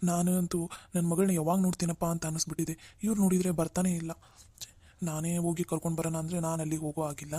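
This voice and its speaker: A woman voicing a tearful cartoon father, low and dark. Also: level tone, fast, no echo, close to an everyday voice. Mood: longing. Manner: emotional, pleading, tag questions. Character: tearful middle-aged father, long separated from his daughter. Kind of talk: Kannada cartoon voice acting.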